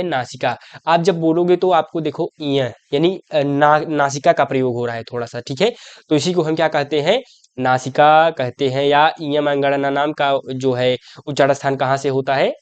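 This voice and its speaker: A man's voice: a little high, clean tone, dry recording, muffled recording. A young man teaching an exam-prep grammar lesson. He explains step by step, asks questions and answers them himself, and keeps calling the viewer his brother.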